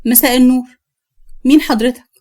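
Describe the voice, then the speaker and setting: A blunt young Egyptian sister who speaks with open resentment, voiced by a woman narrator. Her high voice stays near its everyday sound. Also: steady tone, fast talker, darkish tone, close to an everyday voice. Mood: resentful. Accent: Egyptian Arabic.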